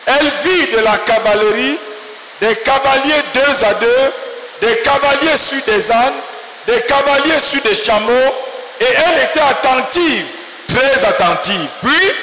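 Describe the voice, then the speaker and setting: A man reading a Bible passage aloud in French in church, slow and declamatory. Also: extremely high pitch, bright, forceful tone, a little hiss or hum. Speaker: scripture reader. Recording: echoey hall with faint ambience.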